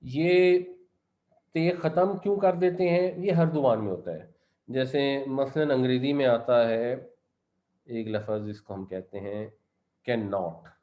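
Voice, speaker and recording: A man's voice: medium pitch, fairly even intonation, a little slow, mellow, dull audio. A man giving a Quran commentary lesson, reciting verses and then explaining their grammar step by step. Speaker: Quran teacher.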